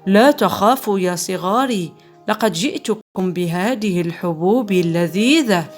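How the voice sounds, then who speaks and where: A woman voicing a sly male fox in a children's story, speaking in a smooth, coaxing way. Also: mid-range voice, animated, moderate pace, soft background music, lightly acted.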